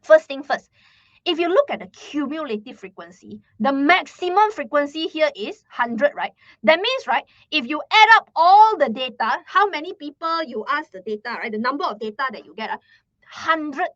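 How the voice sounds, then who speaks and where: A young woman with a Malaysian English accent walks viewers through a live math lesson in a high, animated voice that rises and falls a lot. She is chatty and repeats words as she goes. The recording is dry and a little muffled. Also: normal speed, no echo. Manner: chatty, repeats words, ends phrases with "lah". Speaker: math teacher.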